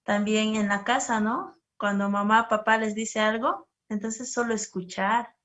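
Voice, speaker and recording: A woman's voice: medium pitch, a little slow. A woman leading a children's service, asking the kids questions and telling them a story. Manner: asks the children questions and acts out their voices; storytelling, gentle and animated. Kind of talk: children's sermon with slides.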